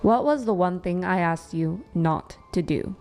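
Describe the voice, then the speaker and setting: A woman reading a story aloud, voicing an exasperated young man who leads the team and scolds in a stern, chiding way, in a fairly low voice. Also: a little slow, darkish tone, soft background music.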